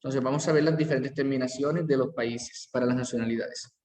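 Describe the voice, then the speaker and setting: A man teaching a language lesson, slowly repeating each word form aloud as he explains it. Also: medium pitch, steady tone, darkish tone. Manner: slow, careful, repeats word forms aloud. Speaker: French teacher. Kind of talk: bilingual classroom lesson. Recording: echoey hall.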